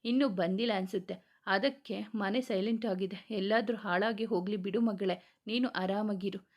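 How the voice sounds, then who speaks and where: A woman's voice: mid-range voice, steady tone, moderate pace, a little mellow, close to an everyday voice. A woman voicing a middle-aged father who spoils and soothes his daughter, in a read-aloud story. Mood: soothing. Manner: soothing, indulgent toward daughter. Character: doting indulgent father, middle-aged man.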